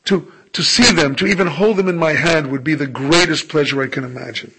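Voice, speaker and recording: A man voicing an elderly, devout male Pope with a Polish accent, who speaks slowly and reverently. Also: a little high, sharp tone, husky, full character voice, low-quality recording. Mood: longing.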